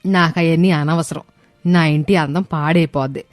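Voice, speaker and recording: A woman voicing a bossy, wealthy mother-in-law in an animated story, talking in a sharp, scolding way. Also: deep voice, normal speed, no echo, faint music behind, close to an everyday voice.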